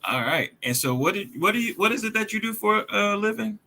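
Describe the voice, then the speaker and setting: A man's voice: high-pitched, animated, fairly quick, bright, forceful tone. A man hosting a podcast, asking questions in a friendly, rambling way with many uhs and restarts. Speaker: podcast host. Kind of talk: casual interview.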